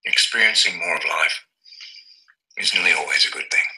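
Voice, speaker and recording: A man's voice: deep voice, moderate pace, pushed and bright, rough recording. An actor playing a dry, teasing older doctor father in a television drama dinner scene. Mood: wry.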